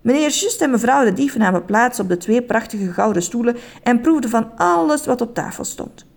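A woman reading a children's bedtime story. Her voice is fairly high, with a marked creaky rasp, and she lingers over each item she describes. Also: expressive, moderate pace. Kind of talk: children's story read aloud.

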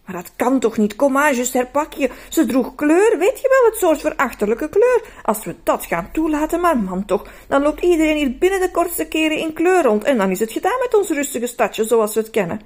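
A woman's voice: sits high, very animated, moderate pace, hardly any pauses, darkish tone, pitched above the performer's own voice. A woman voicing a stern, fussy storybook man who hates colour and scolds himself. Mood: agitated.

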